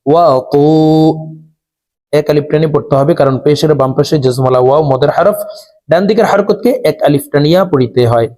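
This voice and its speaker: A man's voice: fairly high pitch, fast, dark tone. A man teaching Quran recitation step by step, spelling out each letter patiently and drawing out the long vowels.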